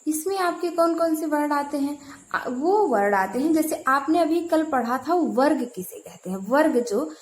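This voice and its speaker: A woman's voice: sits high, expressive, moderate pace. A woman teaching a grammar lesson, asking her own questions and repeating key terms to drill them. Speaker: Hindi teacher. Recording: echoey room.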